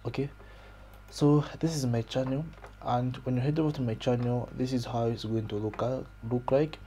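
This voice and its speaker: A man's voice: medium pitch, steady tone, moderate pace, mellow, slight background noise. A young man from Zambia with a Zambian accent walks viewers through his own channel in a plain, explanatory way, often saying "okay" and "so", recorded on a desk webcam in a small room. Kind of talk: casual screen-share walkthrough. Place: small room indoors, pink-lit wall behind.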